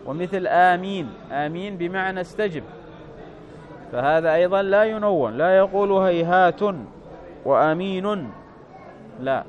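Man, high voice, grammar teacher, reads text aloud then explains, patient, checks understanding. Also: a bit bright.

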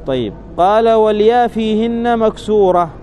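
A man's voice: sits high, expressive, moderate pace, mellow, a little hiss or hum, rough recording. A man teaching a grammar lesson, reading from a text, explaining it and asking the class questions that he then answers himself. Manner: repeats key points, thinks aloud.

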